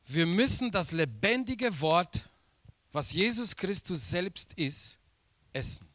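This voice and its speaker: A man preaching a sermon slowly and emphatically, repeating key phrases for weight. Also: high voice, sing-song, a bit bright.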